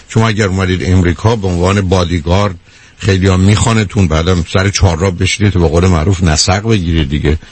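A man's voice: low voice, slightly rough. A man hosting a call-in advice show, bluntly lecturing a caller with rhetorical questions and calling her dear. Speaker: radio advice host. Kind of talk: call-in counseling.

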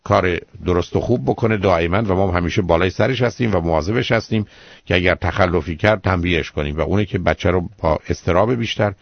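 A man, a psychologist on a radio call-in show, explaining things calmly to callers and calling them dear. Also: sits low, vocal fry, no room sound, lo-fi sound. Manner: calm, explanatory, calls listeners "dear".

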